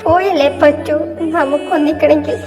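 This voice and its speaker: A woman's voice: high voice, fairly even intonation, normal speed, darkish tone, close to an everyday voice. A woman voicing a heartbroken young woman who pleads tearfully as her lover leaves. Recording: echoey room with long reverb, music behind.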